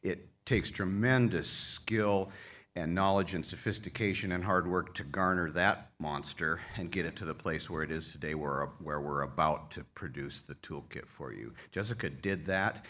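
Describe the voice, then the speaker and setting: Very deep-voiced man giving a heartfelt speech. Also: normal speed, a bit bright. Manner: heartfelt, openly emotional; folksy, self-deprecating humor. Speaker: association leader addressing members. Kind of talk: conference speech thanking staff. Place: conference hall stage.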